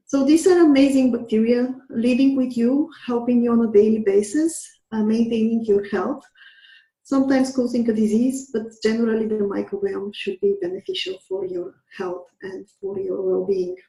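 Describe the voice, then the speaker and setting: A woman from Bulgaria explains science patiently, one step at a time, with a slightly high voice. She speaks over a video call, and the room sounds roomy and echoing around her. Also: creaky, warm tone. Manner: earnest, explains step by step with many fillers. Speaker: guest researcher. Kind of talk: explanatory interview talk.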